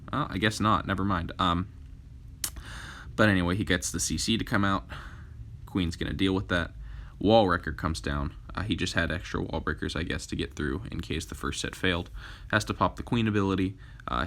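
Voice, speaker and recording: Hoarse from a cold, this young man runs a gaming channel and talks casually over gameplay, dropping frequent fillers. His voice sits low and a bit bright, with a little hiss or hum in the recording.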